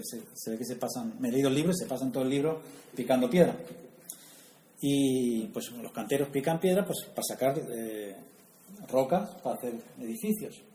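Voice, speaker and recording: A man's voice: medium pitch, warm tone, slight background noise. A man preaching a sermon in a conversational way, asking the audience questions and adding humorous asides. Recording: echoey room, faint ambience.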